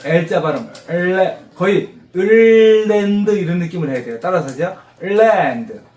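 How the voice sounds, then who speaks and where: A man teaching English vocabulary to a class of mothers, animated, quizzing them and drilling repetition. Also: sits high, normal speed. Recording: roomy classroom echo.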